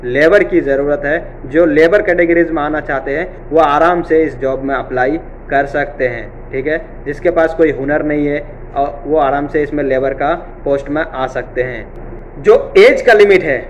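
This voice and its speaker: Speaking at a moderate pace in a voice on the high side, a young man hosts a job-vacancy channel from an office room via webcam. He is casual and reassuring, repeating himself and often saying "theek hai"; the recording is muffled with slight background noise.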